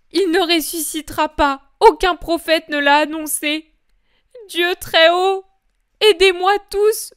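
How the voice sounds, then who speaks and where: A woman's voice: very high-pitched, fairly bright tone, dry recording, clean studio sound, pitched above the performer's own voice, exaggerated voice. Woman playing a sobbing, grieving holy mother. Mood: anguished. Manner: sobbing, imploring, breaking voice. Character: grieving mother of Jesus, desperate, pleading. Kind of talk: dramatic religious reading.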